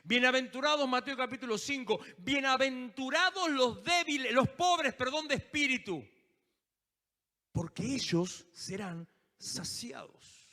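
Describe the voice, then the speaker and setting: Animated preacher with a Rioplatense accent. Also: male voice, very high voice, a little slow. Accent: Rioplatense Spanish. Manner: animated preaching, acting out quoted prayers, joking asides. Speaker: pastor. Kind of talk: sermon. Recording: live church service in a reverberant hall.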